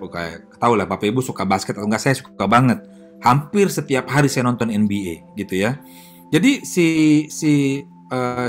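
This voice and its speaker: Male pastor, mid pitch, conversational sermon delivery, frequent fillers, faint guitar underneath. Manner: lively, chatty preaching with audience questions; filler-heavy, self-correcting delivery.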